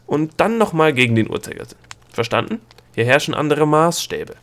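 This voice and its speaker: A man voicing a grumpy, bald male gnome who is a nightmare creature, talking gruffly and impatiently. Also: on the high side, big pitch swings, a little fast, fairly bright tone, voice pushed up. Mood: sententious. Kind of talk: audiobook character voice.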